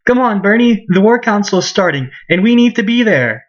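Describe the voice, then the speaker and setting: A man voicing a generic cheerful young girl student, bright and eager, in a fan voice-over of game dialogue. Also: high voice, lively intonation, a little fast, voice pushed up. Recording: muffled lo-fi mic.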